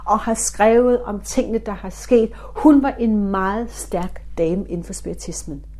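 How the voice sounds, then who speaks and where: Animated Danish woman telling a story. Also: mid-range voice. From Denmark. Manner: animated, acting out dialogue in different voices. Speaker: spiritualist medium. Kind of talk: storytelling talk.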